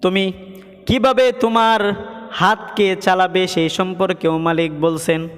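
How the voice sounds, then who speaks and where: A man preaching a sung waz sermon, chanting lines in a melodic sing-song and rising to high emphatic calls. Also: fairly even intonation, measured pace, clear, resonant tone. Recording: echoey hall with music behind.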